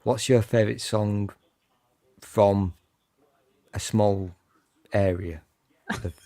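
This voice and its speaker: A man's voice: lowish voice, steady tone, slow pace, mellow, no echo. A man co-hosting a podcast in casual comedy chat, full of crude teasing jokes. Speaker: podcast co-host.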